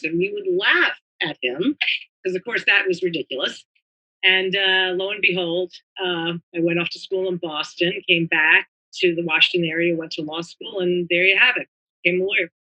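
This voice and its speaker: A woman's voice: lowish voice, sharp tone, slightly rough, dull audio. An older woman from New Jersey, a retired government lawyer, reminiscing in a meandering, chatty way as an interview guest.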